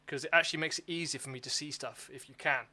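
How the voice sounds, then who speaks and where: A man's voice: on the high side, steady tone, fast talker, pushed and bright. A man hosting a casual game livestream, chatting with viewers in an exclamatory way. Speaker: livestream gamer and host. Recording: clearly noisy livestream microphone. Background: game sounds and background noise.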